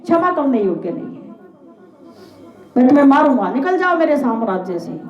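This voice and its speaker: A woman's voice: high voice, big pitch swings, moderate pace. A woman telling a scripture story, voicing a stern and furious young king who commands and condemns. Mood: angry. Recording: echoey, tinny phone-like sound.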